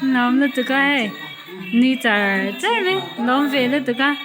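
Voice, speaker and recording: A woman's voice: sits high, measured pace. A woman in casual, chatty conversation who laughs often. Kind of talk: casual chat. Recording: music playing behind the voice.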